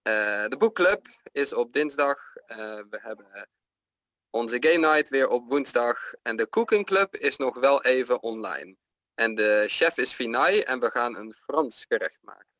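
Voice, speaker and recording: A man's voice: medium pitch, animated, unhurried, pushed and bright, dry recording. A man giving pronunciation feedback in casual chat, hesitant and full of fillers. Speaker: pronunciation coach.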